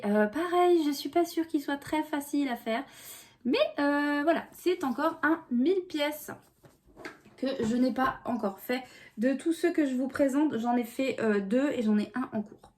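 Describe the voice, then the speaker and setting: A woman's voice: high-pitched, normal speed, a little mellow. A woman talking casually in a vlog, chatty and rambling, with many fillers and restarts. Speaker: vlogger.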